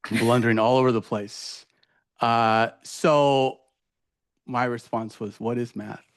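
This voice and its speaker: A man's voice: mid-range voice, steady tone, a little slow, clean tone. Casual man presenter at an education workshop, chatty and loose, keeps asking "right?". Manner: casual, filler-heavy, says "right?" often. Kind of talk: conference workshop demo.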